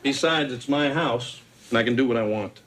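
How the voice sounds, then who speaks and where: A man's voice: mid-range voice, normal speed, lightly acted. An actor playing a sarcastic, grumbling middle-aged father in a sitcom. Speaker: father of the family. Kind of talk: sitcom acting. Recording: noisy TV sound with studio laughter.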